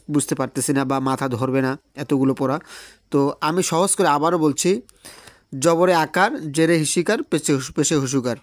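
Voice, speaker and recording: A man teaches a beginners' Quran reading class in a fairly high voice. He drills each sound slowly and repeats it, then asks and answers his own questions. The sound is close and dry, with no room echo. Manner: drills sounds with slow repetition and call-and-response questions.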